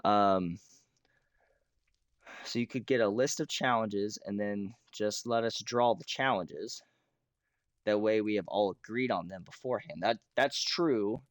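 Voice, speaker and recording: Casting: male American game streamer, lowish hoarse voice, rambling casual chat with throat clearing, dry close mic. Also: unhurried, no room sound. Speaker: streamer hosting a Minecraft realm. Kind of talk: casual livestream chat while gaming.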